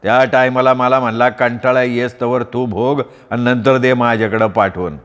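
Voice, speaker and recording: A blunt, defiant young village husband, played by a man in his own natural register. He is proud and quick to scorn. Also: mid-range voice, steady tone, fairly bright tone, big-room sound, close to an everyday voice. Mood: scornful.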